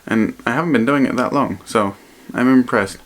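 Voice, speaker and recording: A man vlogging in a reflective, personal way, speaking earnestly and haltingly and often repeating his phrases. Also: mid-range voice. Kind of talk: personal vlog to camera, reflective talk.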